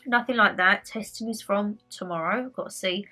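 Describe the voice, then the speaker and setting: Speaking at a normal pace in a mid-range voice with a sharp edge, a young woman chats casually to camera in a home vlog. She rambles a little and repeats phrases, and her cold leaves her sounding somewhat stuffy and nasal.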